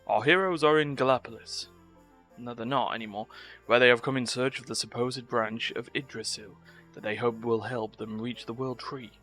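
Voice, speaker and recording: A man hosts a casual live game stream from home, speaking at medium pitch with a fairly bright tone. He's chatty and wry, poking fun at himself, with game sound audible behind him.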